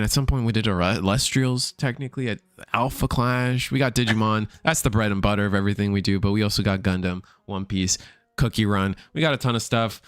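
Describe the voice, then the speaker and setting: A man casting a card game tournament live, thinking out loud and correcting himself as he talks. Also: medium pitch, clean tone, dry recording. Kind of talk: live play-by-play commentary.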